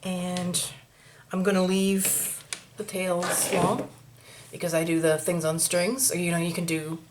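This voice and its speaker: Lady w a maine accent talking thru a craft project step by step, kinda low voice, lots of clicky noise. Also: little pitch movement, measured pace. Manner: chatty, talks through each step, mutters asides to herself. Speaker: craft tutorial host. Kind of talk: hands-on craft tutorial. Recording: noisy home recording with clicks.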